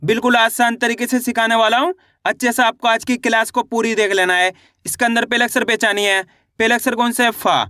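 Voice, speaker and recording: A young man teaching children to read Hindi in an online lesson, patiently asking questions and answering them himself, slowing down to sound out each syllable. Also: very high voice, flat delivery, bright, forceful tone, dry recording, studio quality.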